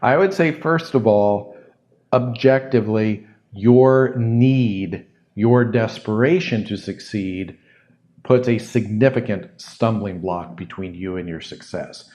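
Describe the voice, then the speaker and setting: Speaking slowly in a low, slightly mellow voice, a solo podcast host mulls over a listener's question, often repeating words as he thinks it through. A studio microphone sits close to his mouth.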